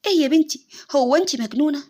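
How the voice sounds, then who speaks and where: A woman's voice: high-pitched, very fast, a little mellow, natural voice. A woman with an Egyptian accent voicing an older mother who scolds and frets in a spoken story. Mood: scolding. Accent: Egyptian Arabic.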